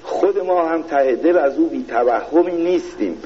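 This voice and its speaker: A man giving a satirical reading in a mock-royal court style, slow and pompous. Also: a little high, expressive, warm tone, muffled recording, a little hiss or hum. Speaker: reader of a satirical piece.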